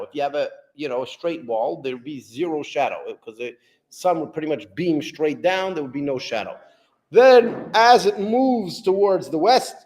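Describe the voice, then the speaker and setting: A man's voice: on the high side, a little mellow. Rambling male rabbi lecturer. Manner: repetitive, rambling, asks rhetorical questions. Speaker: rabbi teaching Talmud. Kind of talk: explanatory lecture.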